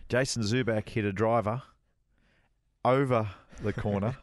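A middle-aged man, a former touring golf pro, co-hosting a podcast and telling an animated anecdote in casual chat. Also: unhurried, dry recording, studio quality. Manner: animated anecdote teller, rises high acting out quoted dialogue.

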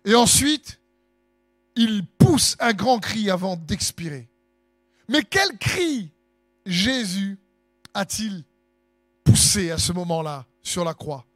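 High-voiced impassioned male preacher. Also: expressive, slow pace, long pauses, a bit bright, no room sound, soft background music. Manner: impassioned, sing-song preaching with swelling emphasis. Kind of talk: sermon.

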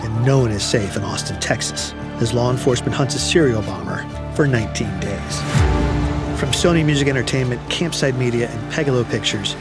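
A man's voice: mid-range voice, brisk. Ominous true-crime trailer man over prominent music. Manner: ominous, dramatic trailer delivery. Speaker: narrator of a podcast trailer.

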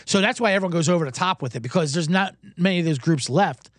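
This is a sports betting podcast host, a man whose high voice moves at a quick clip with no echo. His betting talk is loose and profane, full of rambling riffs, jokes, and put-on accents.

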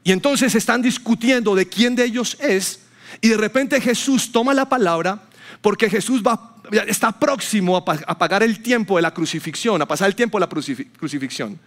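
Pastor guy preaching in church, high voice, tells stories and does the voices. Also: animated, moderate pace, a bit bright. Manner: storytelling, acts out quotes with rising voice. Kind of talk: sermon. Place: church hall with congregation.

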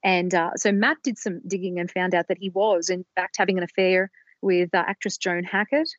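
Her voice is lowish, fairly even in intonation, and at normal speed, with no room sound on this dull, lo-fi dry recording. As a podcast co-host, she explains her research carefully and casually, with occasional small restarts.

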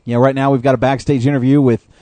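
A man works as a wrestling commentator, calling the action move by move. His pitch is middling for a man and the sound is dry and close. He is informal and freely critical of what he sees. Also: flat delivery, fast talker, warm tone, dry recording. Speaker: host calling the matches as play-by-play commentator. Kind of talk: live wrestling commentary, conversational.

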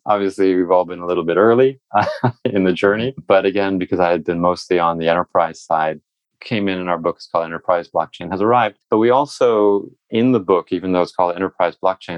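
A man speaking as a guest in an interview, relaxed and rambling, with the odd laugh. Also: sits low, dry recording, poor audio. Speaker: guest, entrepreneur and investor. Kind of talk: casual interview talk.

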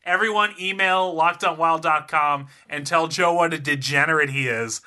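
A man co-hosting a sports podcast, spinning animated comic rants in casual chat. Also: fairly high pitch, normal speed. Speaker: podcast co-host, sports writer.

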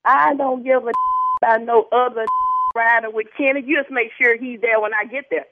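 A woman's voice: fairly high pitch, fairly even intonation, normal speed, no echo. A woman heard over the phone, agitated and repeating herself, cutting in with bitter laughs. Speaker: prank call target. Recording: tinny phone line, dry.

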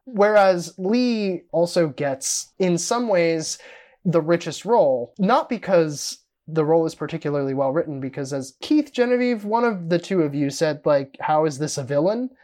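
A woman's voice: lowish voice, lively intonation, moderate pace, a little mellow. Analytical woman on a film podcast.

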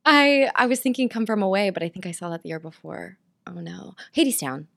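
A woman's voice: mid-range voice, expressive, fairly quick, gravelly. A young woman, a Broadway actress, chatting as a guest, giggly and hesitant with many ums. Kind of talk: casual interview chat.

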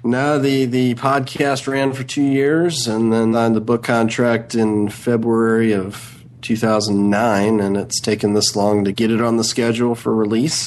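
A man with a gravelly voice, an author chatting casually as an interview guest. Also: on the low side, darkish tone, a little hiss or hum, low-quality recording.

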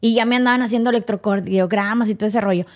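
A woman's voice: medium pitch, quick pace. A woman, a podcast guest telling her own story with emotion and acting out the people in it. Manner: animated, acts out quoted dialogue.

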